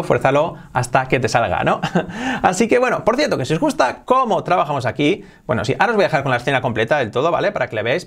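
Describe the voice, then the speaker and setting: A man teaching an English lesson in a casual video, repeating phrases slowly and switching between two languages. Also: a little high.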